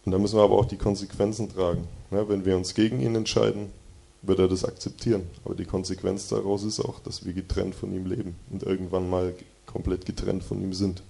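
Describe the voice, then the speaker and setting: Deep gravelly-voiced man preaching. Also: little pitch movement, brisk, hardly any pauses, dark tone. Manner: earnest, conversational, reads verses with more force. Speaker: preacher giving a devotion. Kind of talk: sermon with Bible readings. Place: church hall with slide projection.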